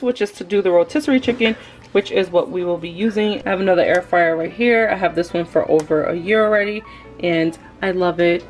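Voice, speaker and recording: A young adult woman chatting to viewers as she cooks in her home kitchen, excitable and talking as she works. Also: on the low side, low-quality recording. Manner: chatty, excitable, talks to viewers while working. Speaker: cooking vlogger. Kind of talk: casual cook-along narration.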